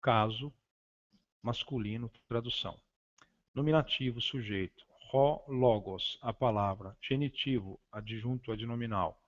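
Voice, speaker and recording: A man teaching a grammar lesson, reading slowly and deliberately from slides with frequent hesitations. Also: medium pitch. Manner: slow, deliberate, spelling out words with frequent hesitations. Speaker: Greek teacher. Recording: dull lo-fi recording.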